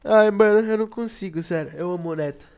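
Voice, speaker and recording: A man co-hosting a casual chat, excitable and slangy, laughing a lot. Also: high voice, quick pace, clear, resonant tone. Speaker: podcast co-host.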